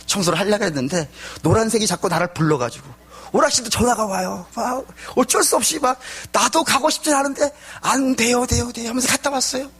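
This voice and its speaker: A man's voice: very high voice, fast talker, fairly bright tone, husky, voice pushed up, full character voice. A man voicing a cheeky young boy who makes excuses and whines to his mother. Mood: pleading.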